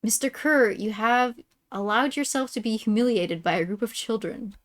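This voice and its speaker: A woman voicing a pompous villain mastermind in a boy's body for a story game, with slow, theatrical, condescending menace. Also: on the high side, soft background music, natural voice. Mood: scornful. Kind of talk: voiced reading of story game dialogue.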